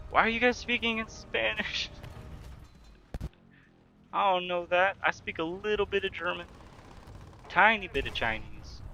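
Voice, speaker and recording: His voice runs a little high, pushed and bright, over slight background noise. The young streamer casually chats through a live game session, reading chat's questions aloud and responding as he explains his play.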